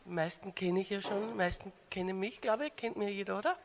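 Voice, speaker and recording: A woman's voice: mid-range voice, quick pace, slight background noise. An Austrian woman with an Austrian German accent, preaching a guest sermon in earnest, rising, emphatic tones. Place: church hall. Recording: long church hall reverb.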